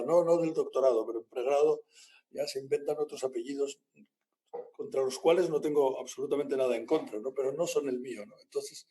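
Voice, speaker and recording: A man's voice: medium pitch, mellow. A male university lecturer giving class announcements in a loose, rambling way, with many fillers and frequent tag questions.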